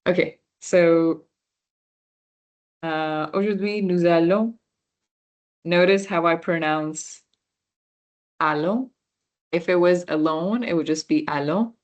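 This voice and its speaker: Young woman tutor explaining french basics off slides, slow, lots of um and restarts. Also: lowish voice, fairly even intonation, a little mellow, highs cut off. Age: young adult. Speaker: volunteer French workshop instructor. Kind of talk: slide-based beginner language lesson.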